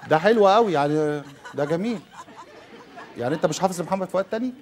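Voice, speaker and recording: Teasing fast-talking Egyptian casting director. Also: male voice, high voice, lively intonation, a faint crowd, slight background noise. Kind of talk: casting audition.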